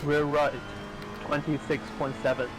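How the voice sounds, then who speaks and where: A man's voice: fairly high pitch, flat delivery, a little slow, background noise. Man giving terse pit radio calls. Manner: clipped, matter-of-fact readouts. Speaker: race engineer on team radio.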